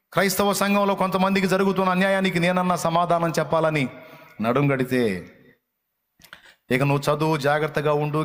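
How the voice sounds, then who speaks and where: A male preacher with a high voice delivers a fiery sermon, hammering the same words again and again and building to loud rebukes. His voice rings through a church hall with a long, trailing echo. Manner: scolding, repetitive, rising to loud rebukes.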